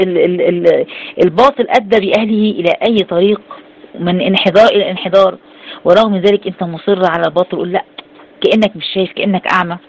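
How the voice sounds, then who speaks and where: A woman with an Egyptian Arabic accent giving a lively religious lecture as a Quran exegesis teacher. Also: medium pitch, breathy edge, low-quality recording. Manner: animated, acts out quoted speakers.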